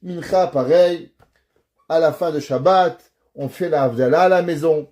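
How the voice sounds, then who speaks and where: A man's voice: a little high, a little slow. A man, a rabbi, giving a Torah lesson and telling stories, acting out the dialogue. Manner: animated storyteller who acts out dialogue.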